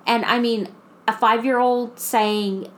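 Slow-talking, high-voiced woman podcaster. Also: fairly even intonation, a bit bright. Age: adult mother. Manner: unhurried, drawn-out phrasing with trailing restarts. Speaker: podcast co-host. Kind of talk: casual storytelling chat.

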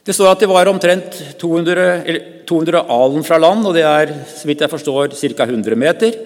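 Mann som preker i kirke med lang etterklang. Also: male voice, on the high side. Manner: calm, measured storytelling with pauses and small restarts. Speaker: preacher. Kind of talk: sermon. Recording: church with long reverb.

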